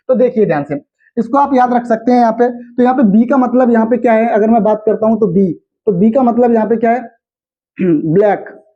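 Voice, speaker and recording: A young adult male teacher lectures his class in a high voice, turning each point back into a question for the students. He chants the memory aids slowly in a sing-song way. The recording is dull and lo-fi.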